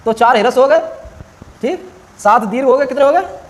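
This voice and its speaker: A man's voice: very high-pitched, animated, normal speed, poor audio. A man teaching a classroom grammar lesson, quizzing students with short questions and stretching vowels out to demonstrate.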